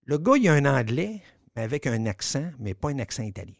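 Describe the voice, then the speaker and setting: A man with a Quebec French accent telling a story on the radio, animated, swearing and acting out the dialogue. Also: medium pitch, fairly quick, dry recording, clean studio sound.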